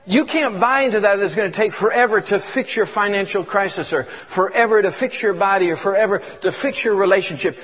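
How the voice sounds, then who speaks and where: A man's voice: sits high, slightly rough. A man in his fifties preaching a sermon as a guest preacher, fervent, repeating words and calling for congregation responses. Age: 50s. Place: church. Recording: echoey hall, dull lo-fi sound.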